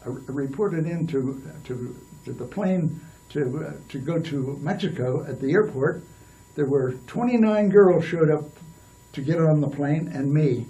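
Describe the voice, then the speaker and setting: Older man, interview guest, rambling anecdotal delivery, slightly raised pitch, mellow tone, mic a bit distant. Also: unhurried, lo-fi sound. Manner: rambling, with many restarts and fillers. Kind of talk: storytelling in a casual interview.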